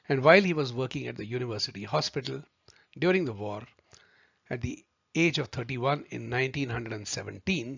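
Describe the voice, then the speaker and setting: A man teaching a video lesson, speaking deliberately and addressing viewers as friends. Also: mid-range voice, vocal fry, a bit bright, slightly rough, no room sound. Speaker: homeopathy tutor. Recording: dry, slightly muffled recording.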